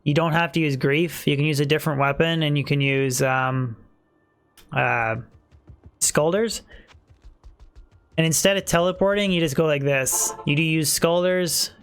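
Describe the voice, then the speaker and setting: A man live-streams a game, chatting casually with his viewers as he plays and mentioning that he's losing his voice. He's chatty, speaks to the chat with lots of fillers, and pauses often. His voice is fairly high, a bit bright, and clean in tone, at a normal speed.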